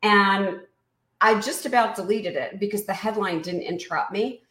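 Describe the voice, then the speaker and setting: A woman business coach being interviewed, explaining her method in an energetic, emphatic teaching tone. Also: medium pitch, moderate pace, echoey room.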